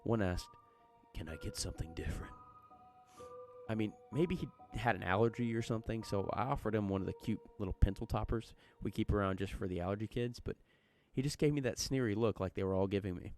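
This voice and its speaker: A man's voice: on the low side, fast, few pauses, darkish tone, faint music behind. A man reading a horror story aloud in a folksy, chatty storytelling manner. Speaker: narrator.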